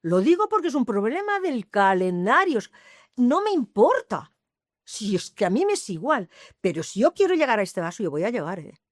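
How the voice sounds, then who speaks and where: This woman, in her 80s, has a fairly high voice with big pitch swings and a moderate pace. Being interviewed about her life, she repeats phrases emphatically and swears to her audience while telling emotional stories. The audio is dry and studio quality.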